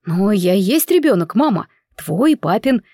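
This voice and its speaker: A woman's voice: mid-range voice, sing-song, normal speed, mellow, no room sound, clean studio sound. A woman reading the lines of a playful, mocking young nobleman in a story. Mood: teasing. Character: teasing charming young nobleman.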